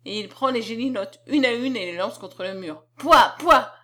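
A woman narrating a classic novel aloud in a dramatic, expressive storytelling manner. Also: mid-range voice, a little fast. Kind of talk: literary reading.

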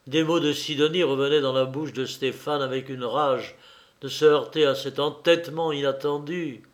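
A male audiobook narrator reading a novel with measured, expressive care. His delivery is unhurried and his voice sits slightly high for a man, letting each phrase breathe.

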